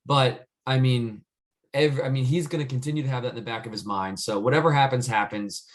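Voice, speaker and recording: A man in casual sports chat on a podcast, circling his point with frequent "I mean"s and false starts. His pitch sits in an ordinary middle range for a man. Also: fairly quick. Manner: rambling, many restarts and "I mean". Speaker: podcast co-host.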